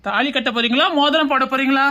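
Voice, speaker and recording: A woman playing a male pastor who officiates a wedding in a slow, formal cadence. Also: high voice, fairly even intonation, bright, forceful tone. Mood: solemn. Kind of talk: Tamil web-series drama acting.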